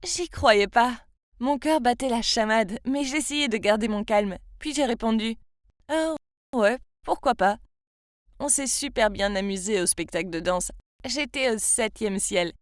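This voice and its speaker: A woman reading a first-person story in a steady scripted narration, voicing short quoted lines lightly. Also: fairly high pitch, normal speed, no echo, clean studio sound.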